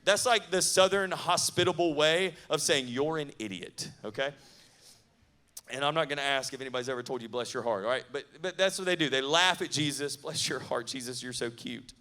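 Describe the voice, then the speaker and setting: A man preaching at a youth camp, lively and conversational with asides to the crowd. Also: on the high side, fairly quick, smooth. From not from the American South. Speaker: youth pastor. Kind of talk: sermon.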